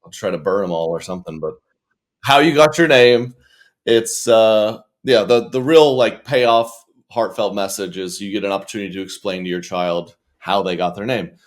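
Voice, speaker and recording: A young adult man, a comedian and children's author, chats casually as an interview guest. His talk rambles and jokes in a stop-start way, in a lowish voice at a moderate pace.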